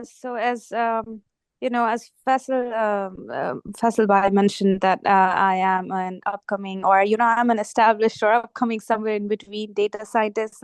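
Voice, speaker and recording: A woman's voice: mid-range voice, clear, resonant tone, no room sound. Young female data scientist, Kashmiri accent, informal self-introduction, close dry sound on a video call. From Kashmir, India. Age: young adult.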